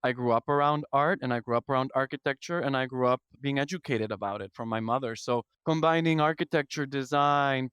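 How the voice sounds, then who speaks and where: A thirties-aged man from Ecuador, with an Ecuadorian accent, speaks in a medium-pitched, slightly bright, clean voice captured in a dry recording. He's a product executive appearing as a podcast guest, giving conversational interview answers in a thoughtful, articulate manner and laying out his ideas one after another.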